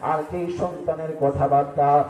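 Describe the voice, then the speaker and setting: A man preaching a waz sermon, swinging into sing-song chanting and loud calls to the crowd. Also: fairly high pitch, steady tone, a little slow, phone-quality sound. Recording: echoey, distant mic, faint music.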